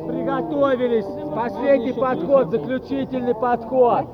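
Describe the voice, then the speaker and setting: High-pitched man barking gym-bro workout commands. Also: little pitch movement, measured pace, a crowd in the background. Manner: commanding, repetitive gym-bro style motivating drill calls. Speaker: fitness coach leading a team training. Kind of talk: group workout instruction with counting. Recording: noisy outdoor recording, muffled, lo-fi.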